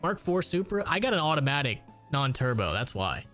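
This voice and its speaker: A man's voice: a little high, big pitch swings, brisk, fairly bright tone, soft background music. A man in his late twenties from Ohio, chatting casually and profanely while gaming on a stream. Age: late 20s. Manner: rambling, profane storytelling.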